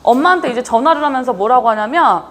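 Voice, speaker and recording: Woman lecturer, leadership training talk, high voice, swooping expressive intonation, keeps asking the audience questions. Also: fast talker. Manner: lively, quizzes the audience often; casual, talks down-to-earth with students.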